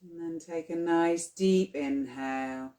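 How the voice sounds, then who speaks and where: A yoga teacher leads a guided relaxation, speaking slowly and soothingly with long pauses between gentle cues. The voice sits in a medium register and rings out in a roomy, echoey space. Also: mid-range voice.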